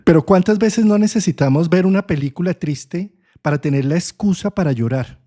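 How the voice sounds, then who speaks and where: A man, an astrologer, explaining ideas in a relaxed conversation, often checking in with a quick "right?" and thinking aloud with pauses. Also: sits high. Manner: frequent "¿sí?" checks, thoughtful and expressive. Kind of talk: conversational explanation in an online talk.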